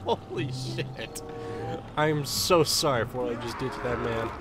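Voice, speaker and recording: A man narrating a video game as he plays, reacting loudly, swearing and laughing. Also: mid-range voice, a little fast, background noise. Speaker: gaming YouTuber. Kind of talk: let's play commentary.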